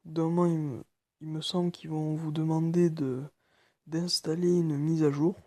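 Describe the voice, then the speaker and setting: A nervous man walking through a phone tutorial, speaking quietly and haltingly with many fillers. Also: on the high side, flat delivery, dry recording. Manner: speaking quietly late at night. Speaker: tutorial maker. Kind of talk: screen-recorded phone tutorial.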